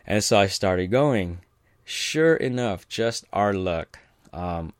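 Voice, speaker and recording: A man's voice: low voice, no room sound, studio quality. A man from California telling a personal story in a loose, rambling way, with many fillers, restarts and chuckles. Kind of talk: casual personal anecdote.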